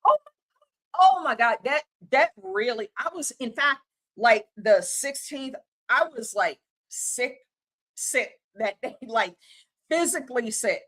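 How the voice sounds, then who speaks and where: A woman's voice: on the high side, lively intonation, slow, a bit bright. A woman, hosting a livestream and ranting in an exasperated, casual, slangy way. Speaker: livestream host.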